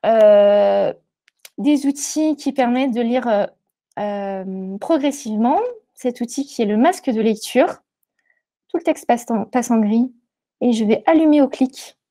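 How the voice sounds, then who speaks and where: A woman's voice: fairly high pitch, dark tone. A woman giving a live webinar demonstration over screen share, talking through an earpiece headset. She hesitates often, with many fillers and restarts. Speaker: presenter of a product webinar.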